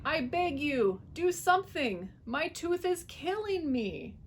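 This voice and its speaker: A whining, crafty male fox from a children's storybook, as a woman reading aloud puts him on. He pleads in a high, stretched-out voice that drags every word for pity. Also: very animated, slight background noise, full character voice. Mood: wailing. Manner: wailing, pleading, drawn-out. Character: sly whining adult male fox patient.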